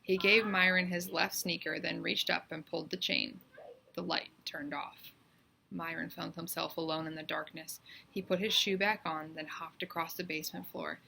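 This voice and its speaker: A woman reads a children's story aloud in a teacherly manner, her slightly low voice bright and forceful, with some vocal fry. Her delivery is expressive, deliberate and full of suspense. The recording is low quality, with a little hiss or hum.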